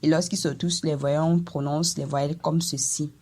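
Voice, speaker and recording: A woman teaching a language lesson, explaining slowly and carefully and voicing vowel examples for each tone. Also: low-pitched, steady tone, mellow, slightly rough. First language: Eton.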